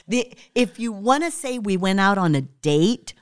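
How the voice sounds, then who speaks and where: A woman's voice: medium pitch, lively intonation, unhurried, clean tone, dry recording, clean studio sound. A woman, telling the story of her life in an interview and laughing often.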